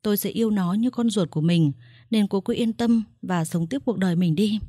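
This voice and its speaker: A woman's voice: mid-range voice, fairly quick, mellow, no room sound, clean studio sound, close to an everyday voice. A woman voicing a composed, icily polite wife who now raises her husband's child. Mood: cool. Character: calm, coolly triumphant wife.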